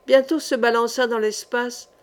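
A woman with a somewhat high voice reads a historical novel aloud. Her narration is calm and measured, and she drops her voice lower for the characters' lines. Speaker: audiobook reader.

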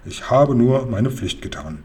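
A man's voice: medium pitch, animated, unhurried, darkish tone, close to an everyday voice. A man voicing a pompous, officious male village police sergeant who grumbles. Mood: sighing modest.

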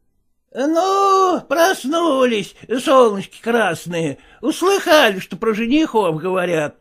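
A woman reading a story aloud, voicing a sharp, coarse old mother scolding her grown daughters. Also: sits high, very animated, measured pace, pitched below the performer's own voice, exaggerated voice. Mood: mocking. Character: scolding old widowed mother of two spinsters. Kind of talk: audiobook character voice.

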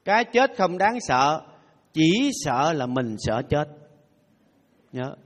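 Man, Buddhist monk, dharma talk, playful, leads chanting, high voice, long hall echo. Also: big pitch swings, slow pace. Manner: playful, humorous, leads call-and-response chanting. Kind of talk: dharma talk to a lay audience.

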